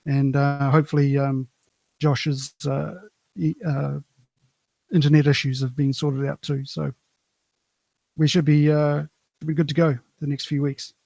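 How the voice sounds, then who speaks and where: New Zealand man with a slightly higher voice. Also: level tone, unhurried, vocal fry, pauses often, dark tone, no room sound. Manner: hesitant, apologetic, frequent "um" fillers. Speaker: podcast co-host. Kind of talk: casual podcast chat.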